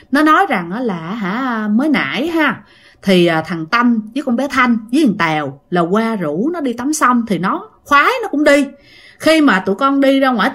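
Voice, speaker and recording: A woman telling a ghost story in a chatty way, speaking straight to her listeners. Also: on the high side. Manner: chatty, addresses listeners directly. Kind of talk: casual ghost story narration.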